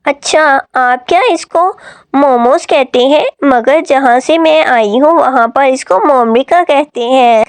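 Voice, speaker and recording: A woman voicing a gentle, polite young fairy in a cartoon story, speaking in an earnest, pleading way. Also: high-pitched, unhurried, no room sound. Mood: curious. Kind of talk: Hindi cartoon story dubbing.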